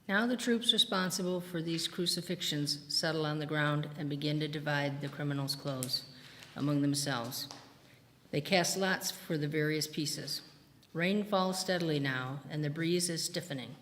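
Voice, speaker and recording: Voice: mid-range voice, a bit bright. A reader narrating a solemn, vivid retelling of an execution in a church. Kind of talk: dramatic scripture narration. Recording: long church reverb.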